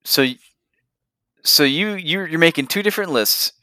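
A man's voice: a little high, expressive, normal speed, pushed and bright, no room sound, clean studio sound. A man co-hosting a casual gaming podcast, eager and building up to a story of his own.

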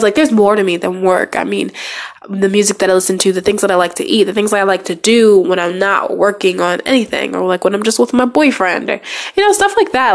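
A young woman with a stuffy cold, giving a personal motivational talk in a halting way, full of fillers and restarts. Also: mid-range voice. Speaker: speaker sharing goals.

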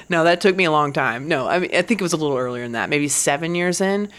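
A woman's voice: deep voice, lively intonation, brisk. A woman comedian in her forties, talking in a candid, profane casual monologue and laughing now and then. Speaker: stand-up comedian.

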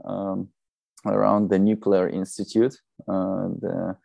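A man in his thirties from Belarus with a Belarusian accent, a non-native English speaker chatting as a podcast guest in a halting, rambling way. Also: low voice, level tone, vocal fry, mellow, dry recording. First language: not English. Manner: halting, rambling, often saying "you know". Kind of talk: casual conversational interview.

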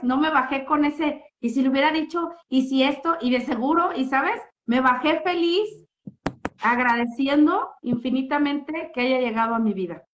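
A woman's voice: fairly high pitch, fairly bright tone. A woman gives a heartfelt personal therapy testimony. She talks expressively and often checks in with tag questions. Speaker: guest giving a therapy testimony. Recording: muffled lo-fi audio.

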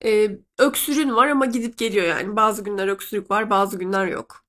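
A woman's voice: medium pitch, a little fast, a bit bright. A woman from Turkey with a nasal, congested voice from a cold, chatting casually to her listeners as host. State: sick with a cold. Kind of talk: casual chat to listeners, translating a clip aloud.

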